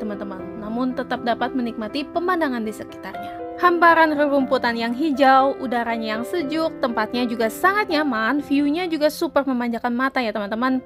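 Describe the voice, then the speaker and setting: Upbeat high-voiced woman narrating. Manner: upbeat, chatty, keeps addressing viewers as friends. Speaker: travel vlogger. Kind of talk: scripted voice-over narration. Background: background music.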